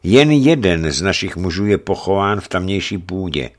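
Man doing a matter-of-fact seafarer, low voice, storybook. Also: expressive. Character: plain-spoken male seafarer shipbuilder.

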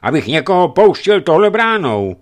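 A man voicing a sleepy, grumpy male gate guard with a hoarse, rough voice. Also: medium pitch, very animated, fairly bright tone, voice pushed up. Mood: gruff. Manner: gruff, suspicious.

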